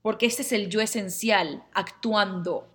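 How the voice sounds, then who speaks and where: Mujer que explica temas de astrología y psicoterapia a sus seguidores, con tono animado y acento venezolano, imitando diálogos breves. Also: female voice, medium pitch, measured pace. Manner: lively, acts out little dialogues in quotes. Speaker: astrologer and therapy teacher. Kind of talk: casual explainer to viewers.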